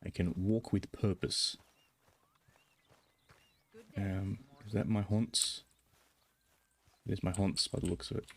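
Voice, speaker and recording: Chatty jokey game streamer, man, very low voice. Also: little pitch movement, slow, creaky, long pauses, slightly rough. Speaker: livestreamer. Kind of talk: casual gaming commentary.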